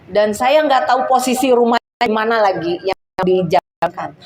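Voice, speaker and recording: A woman's voice: mid-range voice, darkish tone, slight background noise, low-quality recording. Earnest woman giving a church testimony. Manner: earnest storytelling, acts out her prayers. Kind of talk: personal testimony.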